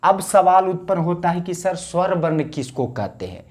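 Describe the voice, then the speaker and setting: A male teacher giving a grammar lesson, repeating each definition and slowly drawing out the vowel sounds as he recites them. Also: high voice, big pitch swings, darkish tone.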